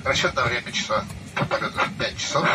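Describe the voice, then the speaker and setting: A man giving an airline captain's formal welcome announcement over the aircraft cabin loudspeaker, reading out flight details. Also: mid-range voice, quick pace. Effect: heard over the aircraft cabin loudspeaker. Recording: distant cabin speaker with engine noise.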